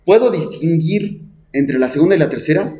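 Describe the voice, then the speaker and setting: A man lecturing a class on math, thinking aloud at the board, often asking the students and pausing on "este". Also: on the high side, animated, dark tone. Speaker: math teacher.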